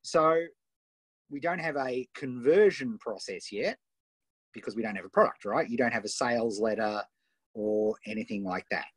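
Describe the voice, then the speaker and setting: An Australian man hosting a live online coaching session, enthusiastic and firing off quick questions over a video call. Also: medium pitch, slightly rough, dry recording. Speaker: host and coach.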